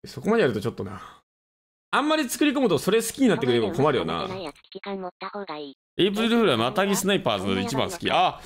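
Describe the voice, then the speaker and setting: A man's voice: on the high side, wildly swooping pitch, fast, pauses often, crowd noise. A man live-streaming, rambling and joking in casual chat with his viewers. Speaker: game streamer. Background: background music.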